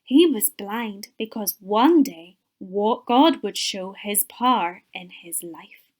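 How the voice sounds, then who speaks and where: Expressive woman telling a Bible story. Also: medium pitch, takes it slowly. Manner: expressive, with dramatic whispers. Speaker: Sunday school teacher. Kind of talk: children's Bible story narration.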